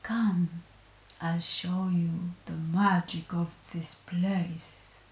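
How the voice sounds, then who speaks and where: A woman voicing a smooth, seductive Spanish male tour guide with a Spanish accent in whispered role-play, slow and breathy. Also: fairly low pitch, flat delivery, echoey room, background noise.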